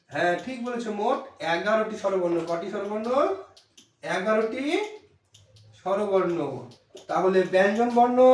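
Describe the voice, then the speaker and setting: A woman teacher gives a demo class, coaxing pupils with questions and slowly repeating their answers. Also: fairly high pitch. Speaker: primary school teacher. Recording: echoey room, mic at a distance.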